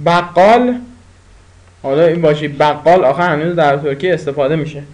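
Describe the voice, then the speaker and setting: Male tutor with a slightly high voice, drilling vocabulary through repetition and chatty asides. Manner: repeats each word slowly, explains with pauses and fillers. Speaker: language teacher. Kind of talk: spoken language lesson.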